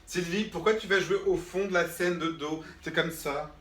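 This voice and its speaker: A man's voice: a little high, steady tone, normal speed, a bit bright, natural voice. Man playing a drama teacher, exasperated, checks "d'accord?" often, echoey room, distant mic. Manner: patient then irritated, keeps checking with "d'accord?". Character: exasperated male drama teacher scolding unseen students. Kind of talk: comic one-man sketch. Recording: roomy sound, mic far off.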